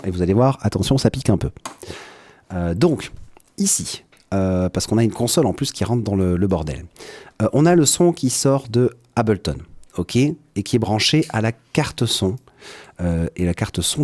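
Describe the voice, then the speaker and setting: A man with a French accent giving a relaxed, hesitant live-stream tutorial on his music setup from his home studio. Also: deep voice, slightly rough, dry recording. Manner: explanatory, with frequent hesitations and "hop" interjections.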